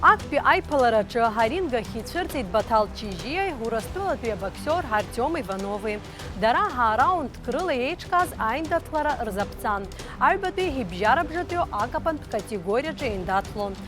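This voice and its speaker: A woman's voice: fairly high pitch, big pitch swings, moderate pace. A woman presenting sports news in scripted narration. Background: music.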